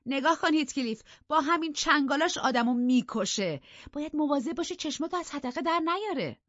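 A woman voicing a teasing, mischievous young lady of the house in an audiobook, loud and mocking. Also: high-pitched, no echo, dull audio, pitched above the performer's own voice. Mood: scornful. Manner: lively, mocking, raising her voice. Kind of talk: audiobook character voice.

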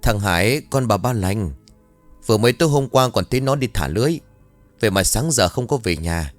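A man's voice: on the low side, lively intonation, faint music behind, close to an everyday voice. A man voicing a flustered village man who hurriedly tells of a drowning. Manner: hurried, breathless telling.

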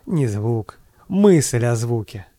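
A man narrating a science fiction audiobook in a steady, scripted reading. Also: mid-range voice, slow.

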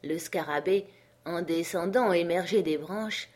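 A woman narrating a classic story aloud in a measured, even reading voice. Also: lowish voice. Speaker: audiobook reader. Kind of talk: scripted narration.

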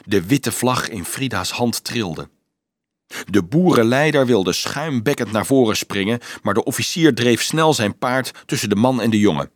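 A man reads a storybook aloud in a steady, measured way, his voice sitting at an ordinary middle pitch. The sound is dry and close, with no room echo. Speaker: audiobook narrator. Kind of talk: scripted storybook narration.

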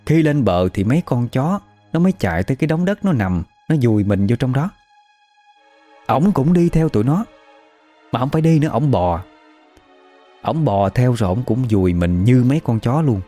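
A man's voice: medium pitch, lively intonation, moderate pace, warm tone, soft background music. A man with a Southern Vietnamese accent telling a spooky folk story in a chatty, gossipy way. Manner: conversational, gossipy retelling.

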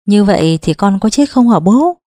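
A woman's voice: medium pitch, expressive, normal speed, dark tone, no room sound, studio quality, natural voice. A woman reading an audiobook, voicing a frightened young girl who pleads anxiously with her father. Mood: frightened pleading.

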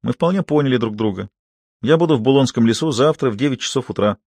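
A man's voice: mid-range voice, animated, quick pace, a little mellow, dry recording. A man voicing an ironic polite young deputy. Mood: ironic courtesy. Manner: icily courteous, ironic. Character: young male deputy, coolly polite and mocking.

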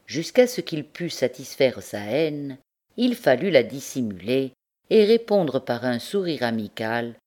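Female audiobook narrator, low and deep-toned, expressive classic-novel reading. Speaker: volunteer audiobook reader.

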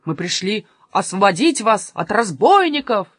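A woman's voice: medium pitch, big pitch swings, measured pace, slightly rough, no echo, studio quality. A woman voicing an official male town policeman who speaks formally with authority. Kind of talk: storybook reading.

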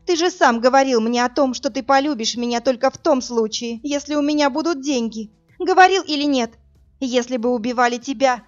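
Woman doing a heartbroken young woman, teary and pleading, high and wound up, bit muffled audio. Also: lightly acted. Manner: tearful and pleading, then screaming in anger.

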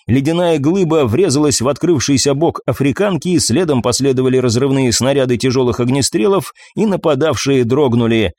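A man reading an audiobook in a measured, even storytelling voice. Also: mid-range voice, no echo, clean studio sound. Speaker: audiobook narrator. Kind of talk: scripted narration.

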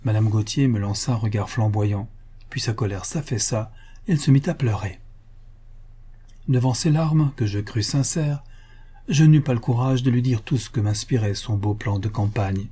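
Male audiobook narrator, measured delivery, husky, dark tone. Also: lowish voice. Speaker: audiobook reader.

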